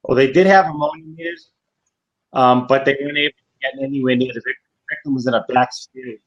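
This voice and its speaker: A man with a heavy Boston accent giving a halting, informal account of an incident over an internet call. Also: medium pitch, highs cut off. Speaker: guest responder. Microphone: internet video call.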